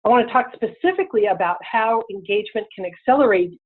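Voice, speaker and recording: A woman on a crackly phone line presenting a webinar lecture, her voice tinny and narrow, fading in and out. She talks at an ordinary pitch in a measured way, with frequent ums and restarts. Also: animated.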